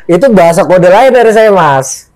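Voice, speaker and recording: A man's voice: high voice, normal speed, no room sound. A man telling a story in casual chat, acting out his friends' lines as he goes. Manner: animated, acts out friends' lines. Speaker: guest storyteller.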